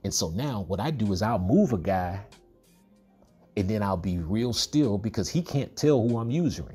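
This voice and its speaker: Brief: male video game tutorial host, deep and a bit raspy, laid-back cocky trash talk, faint music underneath. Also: lively intonation, normal speed, a little mellow. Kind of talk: casual gameplay commentary.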